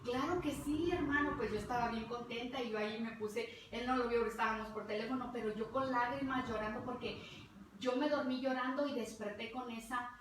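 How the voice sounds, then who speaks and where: A middle-aged Mexican woman preaches with fervor, repeating words to drive her point home. Her fairly high voice rings through a very echoey hall, picked up from a distance with a faint ambient hum behind. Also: steady tone, fairly quick. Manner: fervent, repeats words for emphasis. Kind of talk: testimonial sermon.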